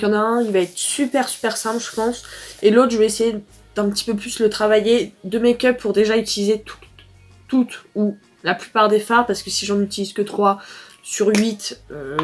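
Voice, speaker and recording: A woman's voice: mid-range voice, darkish tone. A teenage girl from France chatting casually through a makeup palette review, rambling with fillers and self-corrections. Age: teens. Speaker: beauty vlogger.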